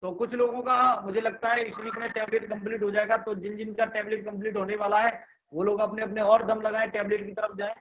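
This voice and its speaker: A man's voice: high voice, little pitch movement, brisk, a bit bright, highs cut off, slight background noise. A man leading an online sales training session, explaining step by step and checking that listeners understand. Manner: instructive, repeats points and asks if understood.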